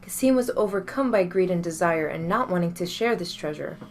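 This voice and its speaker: A woman reading a folktale aloud in a measured, expressive storytelling manner. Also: lowish voice.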